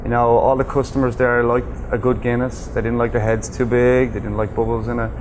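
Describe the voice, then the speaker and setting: A Dublin-accented man talks through a bartending technique in an informal, unhurried way, proud of the craft. His mid-pitched voice sits in clearly audible ambient noise. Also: little pitch movement. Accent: Dublin Irish. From Ireland. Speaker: bartender demonstrating a pour. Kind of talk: informal spoken tutorial.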